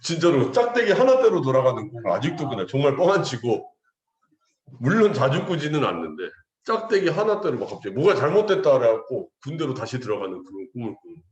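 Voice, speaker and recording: Lively, jokey man telling stories in class. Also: medium pitch, brisk, reverberant. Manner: animated, jokey, acts out quoted voices. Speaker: English teacher. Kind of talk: casual storytelling to students.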